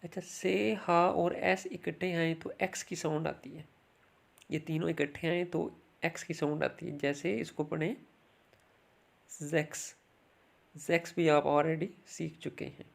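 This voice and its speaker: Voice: medium pitch, fairly even intonation, moderate pace, gravelly. A language teacher giving a recorded lesson, explaining sounds step by step and saying each word twice for the learner to copy.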